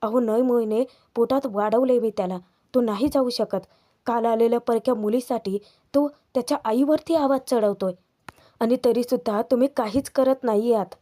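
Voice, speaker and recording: A woman's voice: fairly high pitch, normal speed, natural voice. A woman voicing a domineering middle-aged mother who scolds and accuses her daughter-in-law. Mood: aggrieved. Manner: scolding, accusing, rising to shouting.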